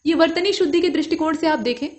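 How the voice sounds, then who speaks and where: A woman's voice: very high voice, fast talker, a little mellow. A woman teacher going through exam questions in a lesson, explaining each one step by step and asking students to look closely.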